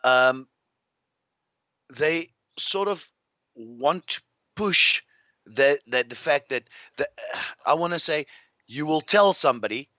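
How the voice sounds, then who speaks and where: A man's voice: fairly high pitch, lively intonation, slow, long pauses, bright, forceful tone, no room sound, highs cut off. A man with a South African accent, a guest telling rambling, restless travel anecdotes in a casual interview. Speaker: guest, farmer.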